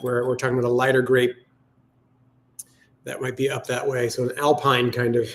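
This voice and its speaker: Male tasting host, mid-pitched, casual sommelier notes delivered as reflective, halting thinking aloud.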